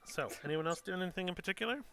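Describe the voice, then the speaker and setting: A man's voice: high voice, very fast, pushed and bright, soft background music. A man narrating a tabletop game as game master, casual, explanatory and a little hesitant.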